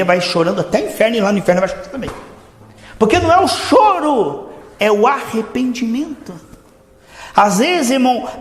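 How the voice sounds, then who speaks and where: A high-voiced Brazilian pastor preaches with fervor, pushing some words out loud and dropping others to a low murmur. His voice rings through a church hall with a long, echoing reverb. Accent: Brazilian Portuguese. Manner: fervent, swings between loud emphasis and low asides. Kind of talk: sermon.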